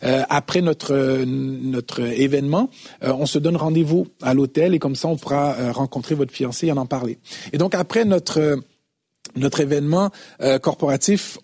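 Husky French-speaking pastor telling a testimony. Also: male voice, on the high side, normal speed. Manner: animated storyteller, shouts when reenacting preaching. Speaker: pastor, guest. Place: TV studio set.

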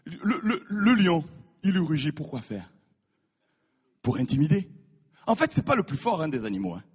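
A man preaching a sermon, animated, repeating his words and acting out the people in his stories. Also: on the high side, moderate pace, breathy edge. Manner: animated, repeats words, acts out voices of biblical figures. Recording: reverberant hall.

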